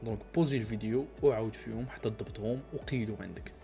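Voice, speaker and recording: Moroccan male teacher, deepish voice, calm and patient drilling, light music bed. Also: racing, creaky. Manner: patient, repeats each letter and example for learners. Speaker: language teacher. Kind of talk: instructional lesson.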